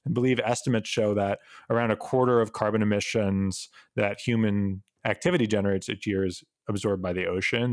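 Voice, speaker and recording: A young man who works at an ocean nonprofit, giving an earnest, conversational panel answer with soft laughs. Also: fairly low pitch, gravelly, dry recording, studio quality. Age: young adult.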